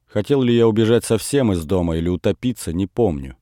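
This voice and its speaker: A man narrating a literary audiobook in a measured, earnest way. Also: lowish voice, expressive, warm tone, no room sound, studio quality.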